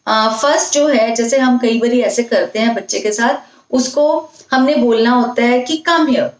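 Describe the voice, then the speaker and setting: Woman, English teacher, casual lesson, patient, repetitive, slightly high voice, echoey room. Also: normal speed. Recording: echoey room, mic set far off.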